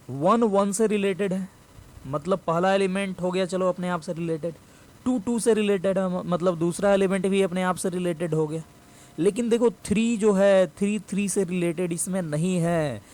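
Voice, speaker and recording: A man teaching a maths class, explaining step by step, repeating key phrases slowly and answering his own questions. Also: sits high, darkish tone.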